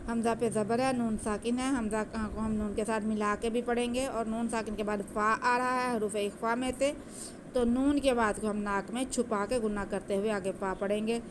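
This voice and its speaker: A woman teaching Quranic recitation, patiently explaining each letter and then chanting the words slowly. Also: fairly high pitch, steady tone, noisy background.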